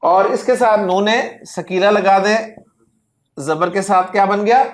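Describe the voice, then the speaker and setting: A man teaching Arabic grammar in a classroom lecture. He drills word forms slowly and keeps quizzing his students. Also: high voice. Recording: echoey classroom recording.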